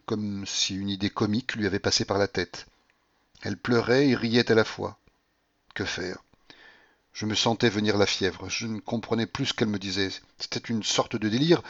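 A man with a low voice narrates a classic novel in a measured, steady way. The recording is dull and very dry, with no room sound. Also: dry recording. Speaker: audiobook reader. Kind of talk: literary audiobook narration.

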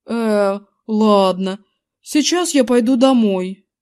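A woman voicing a panicky middle-aged man in an audiobook, yelling frantically. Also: slow pace. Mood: sheepish. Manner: yelling, frantic, high-strung. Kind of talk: audiobook character voice.

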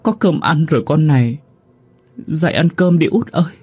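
Crying, wailing poor mother for a spoken horror story, high and husky; a man plays her. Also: animated, moderate pace, darkish tone. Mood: grieving. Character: poor grieving mother, middle-aged woman.

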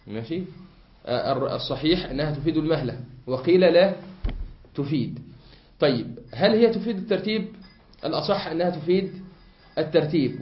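A man with an Egyptian Arabic accent teaching a classroom lesson, explaining a text patiently and quizzing his listeners with fill-in questions. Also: a little high. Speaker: sheikh teaching a grammar text. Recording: echoey room, muffled lo-fi sound.

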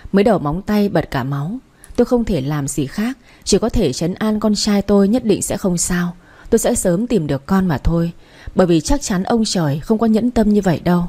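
Mellow-voiced woman telling a dramatic story. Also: mid-range voice. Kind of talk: first-person audio story narration.

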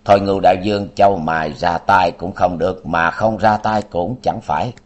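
A man's voice: low voice, fairly even intonation, brisk. A man narrating a martial-arts novel as an audiobook with dramatic storytelling.

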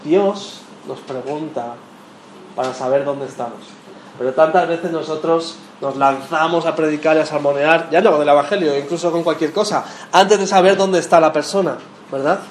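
A man preaching a sermon, lively and questioning, talking straight to the people in front of him. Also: on the high side, normal speed, a little hiss or hum. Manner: lively, talks with the audience, asks questions. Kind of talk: sermon teaching. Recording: echoey room with faint ambience.

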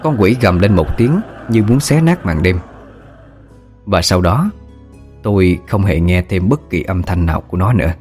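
A man tells a spooky tale as an audiobook, keeping his storytelling calm and even. His voice sits very low. Faint music plays behind him. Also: normal speed. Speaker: audiobook narrator. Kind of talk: storytelling narration doing all voices.

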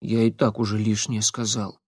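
A man voicing a frightened, evasive teenage boy who shouts his denials in a high, strained voice. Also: little pitch movement, normal speed, breathy edge, no room sound, clean studio sound. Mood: hushed fearful.

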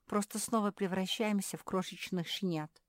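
Phil, a woman doing a calm skeptical boy pug. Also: medium pitch, normal speed, dry recording, clean studio sound, pitched above the performer's own voice, close to an everyday voice. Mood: matter-of-fact.

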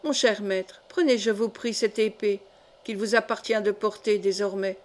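A woman's voice: medium pitch, fairly even intonation, normal speed, natural voice. Woman voicing a grave young adventurer, mock-serious, unruffled. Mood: solemn.

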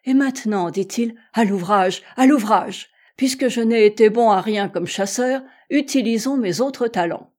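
A woman reading an audiobook voices a kindly, emotional male ship's doctor who speaks with effusive, tearful warmth. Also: a little high, a little slow, few pauses. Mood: eager.

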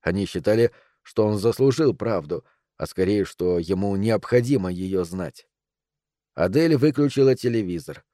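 A man narrates a novel aloud in a calm, measured way, his tone mellow and unforced. The sound is close and dry. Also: fairly low pitch, no echo. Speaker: audiobook narrator.

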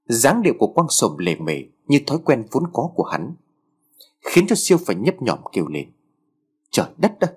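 Male audiobook narrator, husky tone, animated pitch. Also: a little fast.

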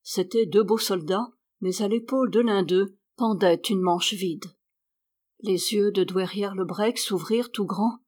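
A woman narrating a classic novel as an audiobook reader, lifting her voice higher and louder for the characters' lines. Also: measured pace. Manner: voices characters by rising in pitch and volume.

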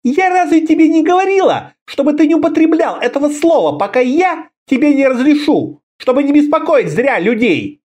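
A man voicing a fierce, quick-tempered young woman bandit leader with a sharp, scolding manner. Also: very high-pitched, big pitch swings, voice pushed up.

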